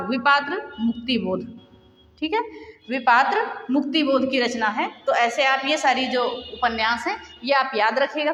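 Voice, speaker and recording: ऊँची आवाज़ वाली महिला शिक्षिका, गूँजते कमरे में. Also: female voice, high-pitched, fairly bright tone, highs cut off, a little hiss or hum. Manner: brisk list-reading with quiz questions to viewers. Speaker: teacher. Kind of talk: exam-prep lesson. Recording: echoey room with long reverb.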